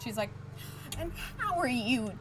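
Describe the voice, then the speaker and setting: A woman's voice: a little high, sing-song, a little slow. A woman in her twenties co-hosting a podcast, chatting casually outdoors at a cookout and imitating people from her stories. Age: 20s. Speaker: podcast co-host. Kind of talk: casual chat.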